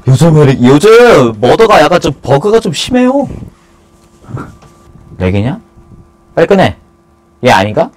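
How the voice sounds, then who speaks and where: A man giving casual commentary on an online game he is playing, swinging between loud cheers and nervous muttering. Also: fairly high pitch, very animated, normal speed, pauses often, rough recording. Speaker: gaming YouTuber.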